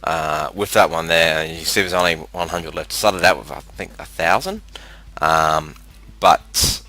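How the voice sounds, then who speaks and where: An Australian man with a very low but forceful, bright voice talks casually over a screen capture. His delivery is halting and rambling. The sound comes from a cheap, ordinary headset microphone with a slightly crackly quality. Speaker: video game presenter. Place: room with a fan running.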